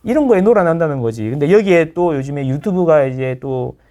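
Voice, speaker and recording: A middle-aged man chats casually as a guest lecturer on property. He talks quickly with a very lively pitch. He keeps acting out the people in his stories. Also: lo-fi sound. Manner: animated, acts out quoted people in voices. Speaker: real estate lecturer, guest. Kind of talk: casual explanatory chat.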